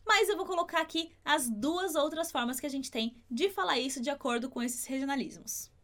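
A woman leads a language lesson in a high, light voice. She explains clearly and patiently, slowing right down whenever she demonstrates a sound. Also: a bit bright. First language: Portuguese. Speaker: Spanish pronunciation teacher.

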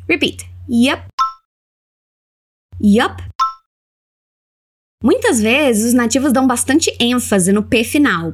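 A woman with a Brazilian accent teaching English in an audio lesson, saying model phrases slowly for the listener to repeat. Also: on the high side, husky. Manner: slow, carefully spelled-out model phrases for repetition.

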